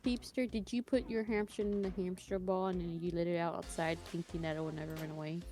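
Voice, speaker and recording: A woman's voice: fairly low pitch, level tone, fast, mellow. A woman streaming a game, chatty, playful and rambling in casual chat. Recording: game music playing behind.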